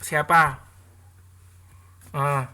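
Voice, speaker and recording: Woman teacher running a class, bright voice, keeps correcting ppl and restarting. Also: sits low, steady tone, drawn-out words. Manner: chatty, correcting students often with restarts. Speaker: English teacher.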